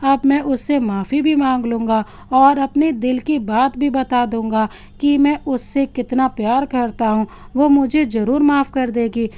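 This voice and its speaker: A woman's voice: high-pitched, unhurried, hardly any pauses, warm tone, lo-fi sound. A woman voicing Vikki, a hot-tempered young man. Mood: wistful. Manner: threatening, bossy. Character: young male college student, hot-tempered and possessive.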